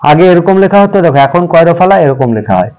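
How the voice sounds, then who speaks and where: A man gives a beginner pronunciation lesson. His voice sits a little high and moves up and down a lot. He talks patiently, repeating each example slowly for his viewers. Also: sing-song, darkish tone, low-quality recording. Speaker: English teacher.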